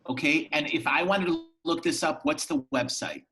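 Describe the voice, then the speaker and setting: A man hosts an online cooking series, opening with a formal introduction of his guest before moving into curious questions. His voice has a bright, forward edge. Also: a little high, normal speed, low-quality recording. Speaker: host.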